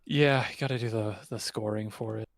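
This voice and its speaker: Over group voice chat, a male stream guest chats in a relaxed way, repeatedly restarting sentences and sneaking in wordplay. He speaks briskly in a fairly low voice with a steady tone.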